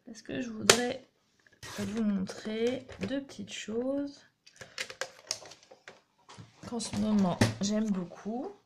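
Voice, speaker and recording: A woman's voice: on the high side, extremely slow, creaky, pauses often, very noisy. A woman hosting a craft tutorial, chatting and encouraging viewers as she demonstrates step by step. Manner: chatty, encouraging, talks while working.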